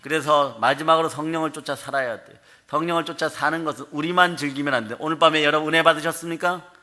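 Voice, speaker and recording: Male pastor preaching fervently; bright, forceful, fairly high voice. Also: fast. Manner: fervent, emphatic preaching with repeated "amen hallelujah". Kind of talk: sermon. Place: prayer sanctuary.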